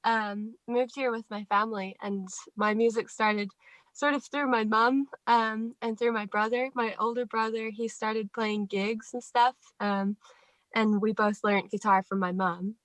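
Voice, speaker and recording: A woman's voice: a little high, steady tone, measured pace, a bit bright, no room sound, low-quality recording. A female guest musician with a mixed Scottish and New Zealand accent chatting casually, easygoing with many fillers. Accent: mix of Scottish and New Zealand. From Scotland, raised in New Zealand. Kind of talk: casual chat.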